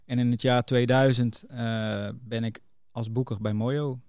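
Middle-aged male podcast guest, mid-pitched, casual anecdotal delivery, dry close sound. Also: flat delivery, measured pace, a little mellow, no room sound. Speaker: podcast guest, music booker. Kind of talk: casual interview, telling career anecdotes.

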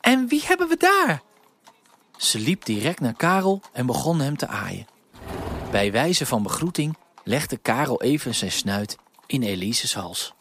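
A man reading a children's story aloud in a gentle, expressive way. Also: mid-range voice, a little slow, breathy edge.

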